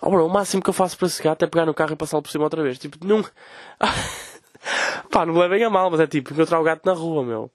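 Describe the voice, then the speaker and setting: A young man with a European Portuguese accent rants in a podcast, fast and a bit high-pitched. He swears freely and slips into mocking impressions of other people. The sound is close and dry, with no room around it. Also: no echo. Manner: swears often, mimics people in quoted voices. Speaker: podcast host. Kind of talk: casual comedic rant.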